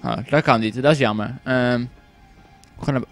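A young man giving casual, joking let's play commentary, excitable and quick to swear and shout at the game. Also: medium pitch, soft background music. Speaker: gaming commentator.

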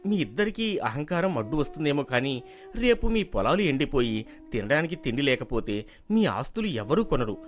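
An earnest young villager pleads his case with lively rises and falls in pitch, as a man acts him out. He argues quickly and firmly, like a hero in a storybook drama. Soft music plays underneath. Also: lightly acted. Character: earnest young male villager, calm and persuasive.

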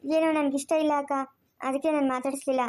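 A shy young cartoon bride, voiced by a woman who talks softly and politely with a tearful edge. Her voice sits very high. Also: fairly even intonation, quick pace, natural voice. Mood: sad, timid. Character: young bride-to-be, gentle and sad.

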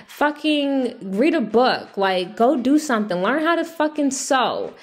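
A video commentator with a fairly high voice gives her opinions bluntly and casually, exasperated and swearing freely. Her delivery is sing-song at a measured pace.

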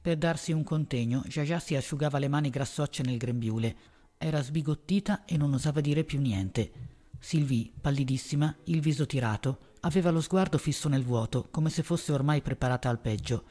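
A man narrating a novel as an audiobook in a measured, even reading voice. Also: a little high.

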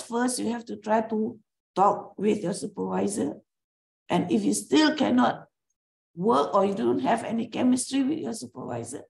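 Slow, gravelly-voiced woman dean. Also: fairly high pitch, darkish tone, low-quality recording. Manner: encouraging, reassuring, with frequent "okay" and hesitations. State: coughing, recovering from a bad cough. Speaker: faculty dean. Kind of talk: open Q&A session with postgraduate students. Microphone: video call.

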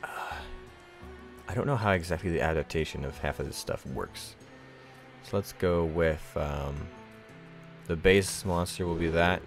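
His voice sits low and unhurried, broken by long pauses, as this gaming YouTuber offers casual gameplay commentary over soft background music. He sounds slightly congested and froggy from the sniffles, and he chuckles, rambles and thinks out loud.

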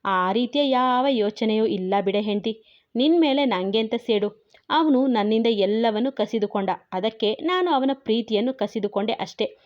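A woman's voice: a little high, moderate pace, close to an everyday voice. A woman voicing a grieving young husband who is brooding and teasing, in a dull lo-fi recording.

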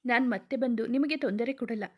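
Casting: woman doing a gentle, heartbroken young man for a storybook, soft pleading lines, slightly high. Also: fairly quick, natural voice. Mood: sad. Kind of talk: storybook reading.

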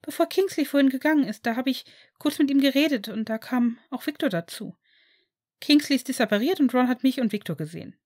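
A woman voicing an upset young woman who is fiery and quick-tempered, in an audiobook reading of fan fiction. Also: high voice, darkish tone, no room sound, clean studio sound, voice pushed up. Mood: exasperated. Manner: agitated, exasperated outbursts.

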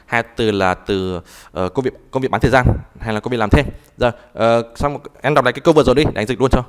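A man teaching a live online language class, talking haltingly and repeating words as he types and explains. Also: mid-range voice, smooth. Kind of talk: live online tutoring session.

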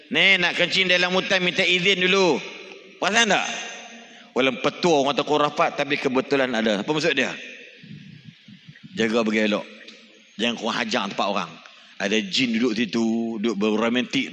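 A middle-aged man with a Malaysian accent, giving a lively mosque sermon and questioning the audience as he tells stories. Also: medium pitch. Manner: lively storytelling, animated exclamations, asks the audience questions. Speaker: preacher. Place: mosque hall. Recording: long reverb of a large hall.

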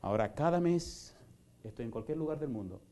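A middle-aged male pastor preaching an evangelistic sermon in a church, firing rhetorical questions and moving from loud preaching to soft pleading. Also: mid-range voice, lively intonation, fairly quick. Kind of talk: evangelistic sermon with altar call. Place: church in Houston, Texas.

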